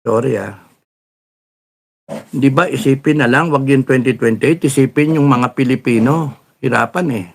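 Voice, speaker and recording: A middle-aged man in a ranting political commentary, swearing often and acting out soldiers' shouts. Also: mid-range voice, normal speed, gravelly, long pauses, slight background noise. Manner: swears often, laughs at his own jokes, acts out soldiers' shouts.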